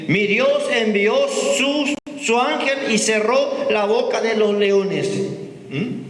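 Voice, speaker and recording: A man's voice: very high voice, fairly bright tone. A man preaching a sermon in a church, emphatic and prodding his listeners with rhetorical questions. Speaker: pastor. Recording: echoey church hall, faint noise.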